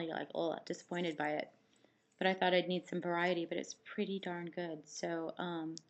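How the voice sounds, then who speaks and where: Give the voice of a woman with a slightly low pitch, talking casually as a vlogger. Her mouth is dry as she recovers from surgery. She rambles through anecdotes and recounts exchanges in a conversational way. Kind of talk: casual chat to camera, personal storytelling.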